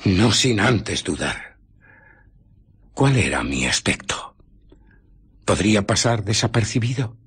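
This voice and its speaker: A man with a Castilian Spanish accent playing an arrogant, amoral scientist who justifies himself in a radio drama, in a theatrical, deliberate storytelling manner. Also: on the low side, very animated, a bit bright, husky, exaggerated voice. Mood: defensive. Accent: Spain.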